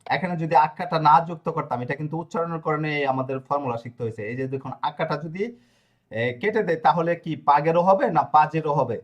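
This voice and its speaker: A man's voice: on the high side, highs cut off. A man teaching a grammar lesson to a class, explaining step by step and often asking if students follow. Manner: explanatory, checks understanding with frequent questions; spells out verb endings slowly. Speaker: language teacher.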